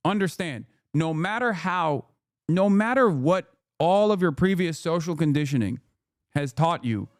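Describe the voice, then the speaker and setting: A man's voice: a little high, dry recording, clean studio sound. A man streaming live, reacting heatedly to a video with emphatic, profane commentary and repeated points.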